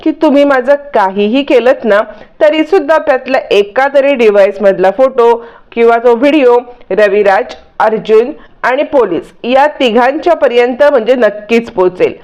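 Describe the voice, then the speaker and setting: A woman's voice: fairly high pitch, normal speed, darkish tone, muffled recording, close to an everyday voice. A woman voicing a scheming, overconfident young woman who threatens everyone, in a taunting way. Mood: threatening.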